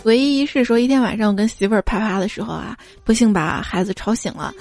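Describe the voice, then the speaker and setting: Woman host reading funny stories, lively, does kids' voices, light music in the back. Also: medium pitch, fast talker, creaky. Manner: lively, mimics children's voices in quotes. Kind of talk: humorous story reading. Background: faint background music.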